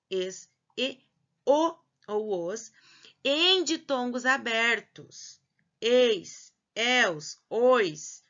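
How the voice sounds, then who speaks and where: A woman teacher, giving a recorded grammar lesson to pupils, slow and patient, often checking in with her class. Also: on the high side, pushed and bright. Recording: dull lo-fi recording.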